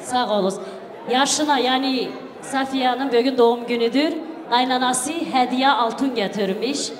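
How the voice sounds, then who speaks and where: A woman with a fairly high voice hosts a wedding party live. She announces in an exclamatory, festive manner and slips between languages as she calls guests forward. Her voice rings through a reverberant hall with a clear crowd behind. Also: a little slow. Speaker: host of a wedding celebration. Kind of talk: live event announcing, calling guests up and urging applause.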